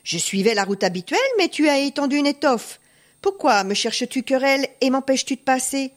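A woman's voice: sits high, a little fast, voice pushed up, close to an everyday voice. A woman voicing a poor, honest male peasant who pleads and protests his wrongs. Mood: pleading.

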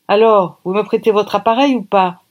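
A woman's voice: medium pitch, moderate pace, highs cut off, voice pushed up, natural voice. A woman reading aloud, voicing a distracted older secretary who stammers. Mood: startled. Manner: stammering, startled.

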